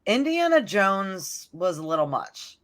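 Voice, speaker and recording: A woman's voice: medium pitch, very animated, a little slow. A woman co-hosting a podcast, telling stories in casual chat and leaning on "like" a lot. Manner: chatty storyteller, fills talk with "like". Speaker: podcast co-host.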